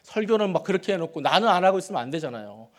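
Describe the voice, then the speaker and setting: A middle-aged man preaching from a church pulpit in a fairly high, light voice. He talks to the congregation like a friend, pokes gentle fun at himself, and swings between loud, pressing build-ups and quiet asides. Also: sing-song, racing. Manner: conversational and self-deprecating. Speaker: pastor. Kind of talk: sermon with personal storytelling. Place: church sanctuary.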